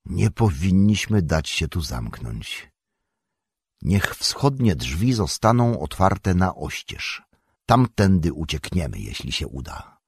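Male reader as old wizard leader, solemn and urgent, low husky voice. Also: big pitch swings, takes it slowly, no echo, clean studio sound, heavily acted. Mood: grave. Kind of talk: audiobook character reading.

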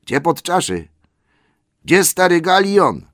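A man voicing merry, impatient male elves in an audiobook, loud and mocking. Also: high-pitched, very animated, takes it slowly, no echo, clean studio sound, pitched above the performer's own voice, exaggerated voice. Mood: calling.

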